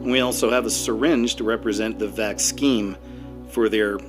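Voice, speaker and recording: A man's voice: fairly low pitch, steady tone, moderate pace. A man delivering scripted commentary as a narrator. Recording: music under the voice.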